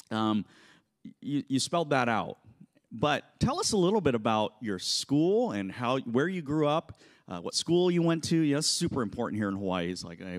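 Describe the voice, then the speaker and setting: A middle-aged man moderating a church Q&A on stage, talking casually with many fillers into a handheld mic. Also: medium pitch.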